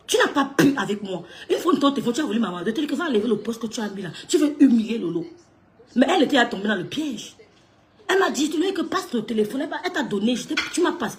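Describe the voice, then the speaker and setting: Scolding woman on a live stream. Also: fairly high pitch. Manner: animated, scolding, repeats herself, laughs mid-sentence. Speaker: social media live streamer. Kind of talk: heated live-stream rant.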